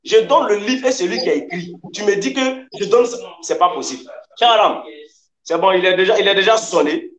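Insistent high-voiced man in an echoey room. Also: animated, fairly quick, fairly bright tone. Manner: insistent, repeats points, lecturing tone. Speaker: debater. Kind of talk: heated online debate.

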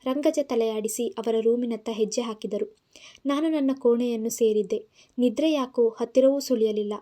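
Mellow-voiced woman narrating a story. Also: on the high side, moderate pace. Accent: Kannada.

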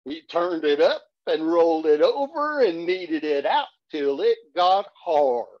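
A man's voice: fairly high pitch, animated, measured pace. A man in his sixties with a folksy cowboy drawl, telling stories and reciting cowboy poetry on a video call. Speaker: cowboy poet and storyteller. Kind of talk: reciting humorous cowboy poetry to an online audience. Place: small curtained room at home, indoors. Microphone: video call, computer at arm's length. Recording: dull, echoey webcam audio.

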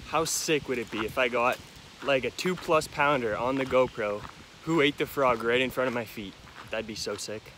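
Here the young man sounds mid-range and a touch bright, speaking at a moderate pace over a slight hiss or hum. Out by the ponds in tall grass, he narrates his fishing trip to himself with casual sarcasm, recorded by his head-mounted action camera.

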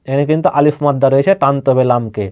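A man teaching Quran reading, spelling out each letter slowly, then saying the word and repeating it, and asking listeners quick questions that he answers himself. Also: medium pitch, steady tone, a little mellow. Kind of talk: slow spelled-out recitation lesson.

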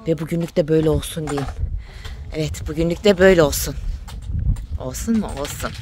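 A woman's voice: sits low, brisk, dark tone. A woman chatting casually in a family vlog, teasing and talkative, sometimes dropping to a whisper. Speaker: vlogger mother. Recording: noisy outdoor background.

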